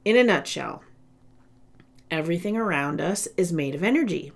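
Woman podcaster w a raspy smokers voice, kinda low, chatty n playful solo talk. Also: expressive, moderate pace. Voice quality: raspy, ratchety voice, like a smoker's rasp. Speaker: podcast host.

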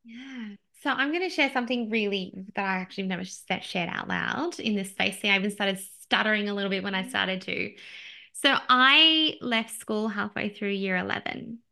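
A woman's voice: mid-range voice, moderate pace, gravelly, sharp tone. A woman in her thirties, a podcast host sitting as the guest, talking candidly and laughing often at herself in a conversational interview.

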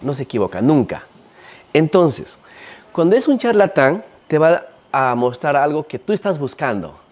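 A man who practices ayahuasca chats in a casual interview with a Peruvian Spanish accent, vividly impersonating the people in his stories. His voice is a little high and his pace normal.

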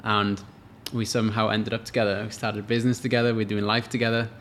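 A man's voice: lowish voice, flat delivery, fast, fairly bright tone, slight background noise. A man in his late twenties, co-hosting a podcast and telling a story in casual chat. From Wales. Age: late 20s. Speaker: podcast co-host.

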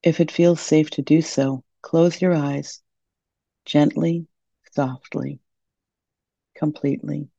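A woman guides a meditation in a soft, soothing and gentle way. Her voice is mellow, with a creaky edge. The recording is close and dry but somewhat dull and lo-fi. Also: deep voice, fairly even intonation, takes it slowly, pauses often, no room sound.

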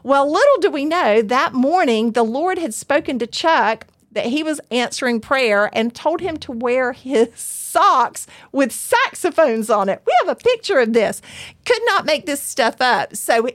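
A woman co-hosting a podcast. She tells stories in a chatty, animated way, and her voice sits fairly high. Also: a little slow. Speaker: podcast co-host. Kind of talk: casual podcast chat. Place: studio room with soundboards.

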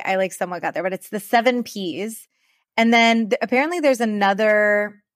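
A woman co-hosting a podcast for travel advisors, chatting casually in a rambling, animated way. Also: medium pitch, no room sound, clean studio sound.

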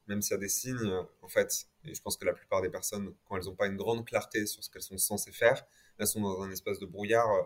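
A man speaking as an interview guest, reflecting conversationally on his experience and dropping occasional English words into his French. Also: fairly low pitch.

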